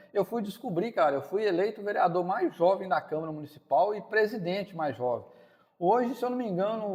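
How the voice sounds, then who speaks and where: A man's voice: on the high side, darkish tone, big-room sound. A Brazilian man in his forties, a city councilman interviewed on a podcast, speaking casually and saying "cara" often. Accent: Brazilian Portuguese. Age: 40s.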